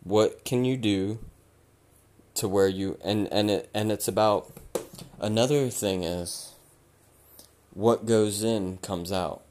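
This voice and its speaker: Slow, blunt man with a fading voice. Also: fairly low pitch, darkish tone. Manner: blunt, swears freely, repeats words. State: losing his voice, clearing his throat. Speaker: podcast host. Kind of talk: casual advice monologue.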